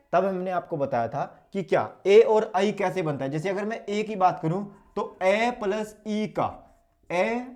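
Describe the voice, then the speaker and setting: A man teaching an online Hindi lesson, demonstrating each vowel sound slowly and aloud, and asking questions he then answers himself. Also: high voice, darkish tone. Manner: drills sounds aloud, asks and answers his own questions.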